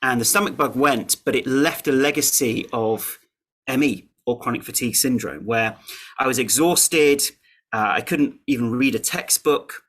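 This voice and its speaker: A man from England, a guest on a podcast, telling his personal story in an earnest, halting way. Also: mid-range voice, fairly bright tone.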